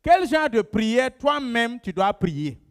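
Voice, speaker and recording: A man delivers a church sermon in a notably high, very lively voice. He hammers his points by repeating key phrases and drops into a lower voice to mimic his congregation. The delivery is emphatic and conversational, speaking straight to the people in the pews. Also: slow pace. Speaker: pastor.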